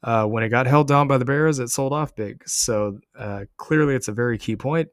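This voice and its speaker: A man's voice: mid-range voice, moderate pace, no echo, clean studio sound. A man giving casual, explanatory market commentary as a channel host, talking viewers through price charts. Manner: explanatory, addressing viewers directly. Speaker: crypto trading channel host.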